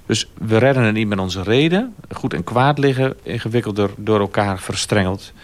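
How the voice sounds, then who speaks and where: A man giving reflective radio commentary, speaking thoughtfully with pauses. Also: fairly low pitch, lively intonation. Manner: thoughtful, pausing with fillers.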